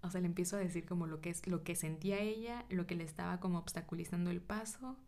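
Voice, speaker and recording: A woman's voice: on the low side, fast talker. Young woman, often whispering. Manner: animated, drops to whispers while recounting. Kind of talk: personal storytelling.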